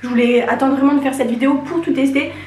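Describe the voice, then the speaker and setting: A young beauty vlogger, still getting over a cold, reviews makeup in a high, darkish voice that sounds slightly honking, congested and duck-like. She talks quickly, rambling and chatty with informal slang, in a noticeably echoey room.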